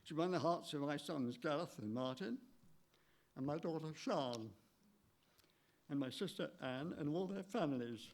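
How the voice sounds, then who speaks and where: Older man, gravelly measured eulogy. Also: fairly high pitch. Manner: measured, halting, with small stumbles. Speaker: widower giving a eulogy. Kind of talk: funeral eulogy read from notes. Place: church.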